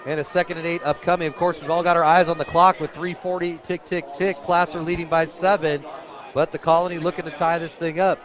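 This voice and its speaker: A fairly high-pitched American announcer delivers flat, slightly fast radio play-by-play of a football game. The lo-fi sound comes from an outdoor high school stadium, with a loud crowd behind the broadcast.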